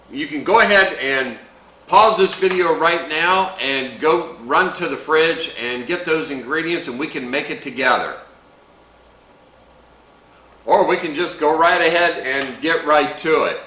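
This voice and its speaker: A man's voice: a little high, sharp tone, reverberant, distant mic, poor audio. A man hosting a home bar show, walking through a drink recipe in a folksy, chatty way with playful pirate slang. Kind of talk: casual drink-making tutorial.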